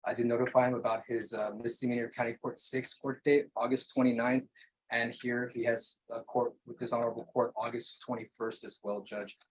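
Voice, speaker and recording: A man's voice: mid-range voice, flat delivery, brisk, a little hiss or hum, low-quality recording. A man acting as defense attorney, speaking formally to the judge at a hearing. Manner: formal, repeats "Judge" often. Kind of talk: courtroom address.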